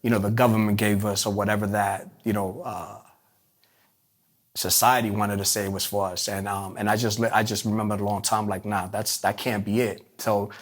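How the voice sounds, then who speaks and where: A man's voice: fairly low pitch, flat delivery. A man from Puerto Rico, telling his life story in an interview with many fillers and restarts. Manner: halting, many restarts and fillers, streetwise phrasing. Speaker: interview guest.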